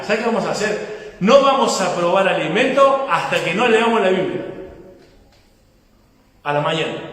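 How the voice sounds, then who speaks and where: A man's voice: sits high, fairly bright tone. A man preaching a sermon as a pastor, asking the congregation questions and acting out what people say. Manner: preaching with rhetorical questions and acted-out quotes. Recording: echoey hall, mic far off.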